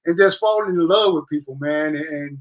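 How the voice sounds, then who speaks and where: Man, channel host, rambling casual talk, repeats his phrases, fairly high voice. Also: brisk. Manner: rambling, repeats "you know what I'm saying". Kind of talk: casual chat.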